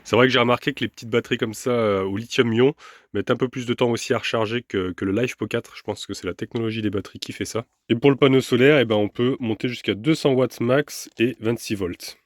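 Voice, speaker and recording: A man casually unboxing and reviewing a portable power station in a relaxed, chatty vlog, pausing often with hesitations. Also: medium pitch, no room sound, studio quality.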